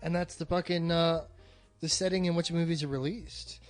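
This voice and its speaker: A man co-hosting a podcast gives his opinionated take on films, emphatic and casual, with plenty of swearing. He speaks at normal speed with fairly high pitch and fairly even intonation. Soft music sits in the background.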